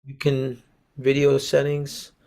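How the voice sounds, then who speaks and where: A man running a video call, brisk and friendly, guiding a guest and asking him questions. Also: mid-range voice, monotone, creaky, darkish tone. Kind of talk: casual discussion on a video call. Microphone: video call mic.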